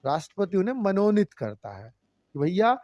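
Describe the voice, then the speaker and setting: A man's voice: high-pitched, sing-song, moderate pace, a little mellow, no echo, highs cut off. A man teaching Hindi grammar in a live online class, patiently repeating rules and addressing students as children.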